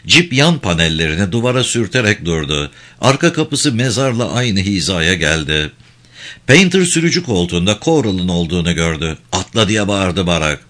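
A man reads an audiobook aloud, his voice sitting fairly low. His delivery is steady and measured, yet his pitch moves in lively swings through the action. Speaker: audiobook narrator. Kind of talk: scripted audiobook narration.

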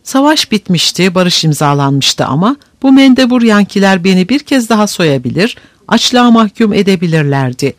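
A man narrating an audiobook in an expressive, measured storytelling manner on a close studio mic. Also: sits high, dry recording.

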